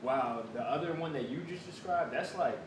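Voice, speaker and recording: An American man in his twenties talks through a casual food review, chewing as he speaks. He is picked up from across a bare, echoey room, with a clear low rumble behind him. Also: normal speed, recorded from a distance. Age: 20s. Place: small bare room at a table, indoors. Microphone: camera several feet away.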